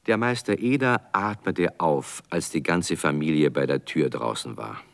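A man narrating a radio play in a calm storytelling manner. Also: a bass voice, a little slow, vocal fry.

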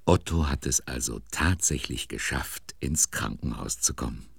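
Very deep, gravelly storybook narrator man. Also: expressive, moderate pace, dry recording. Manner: warmly amused, playful.

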